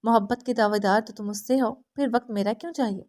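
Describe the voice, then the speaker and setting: A woman's voice: on the high side, steady tone, darkish tone, close to an everyday voice. A woman voicing a proud, jealous young woman who speaks in a sarcastic, needling way in an audiobook reading. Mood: sarcastic probing.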